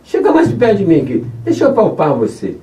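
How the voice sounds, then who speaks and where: A man's voice: high voice, wildly swooping pitch, fairly quick, warm tone, echoey room. A man voicing an old, blind father who questions his son suspiciously, with a Brazilian Portuguese accent, recorded from a distant mic. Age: older.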